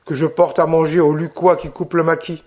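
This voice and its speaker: A man voicing a young peasant girl in an audiobook reading, with an eager, breathless, high-pitched child voice. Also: flat delivery, fairly quick, mellow, close to an everyday voice. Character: young peasant girl, timid but loyal.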